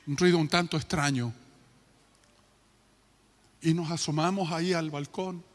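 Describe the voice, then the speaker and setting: A man's voice: fairly high pitch, steady tone, measured pace. A man with a Chilean accent preaching a sermon, telling a family story and then pleading with passion. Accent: Chilean Spanish. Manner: storytelling, rising to impassioned pleading. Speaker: pastor. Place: church. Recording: reverberant church hall with music.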